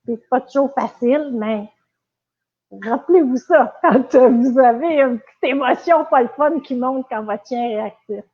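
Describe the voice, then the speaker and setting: A woman's voice: high voice, moderate pace. A woman with a Quebec French accent, giving a casual live-stream lesson as a dog trainer, chatty with many fillers and restarts. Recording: tinny phone-like audio.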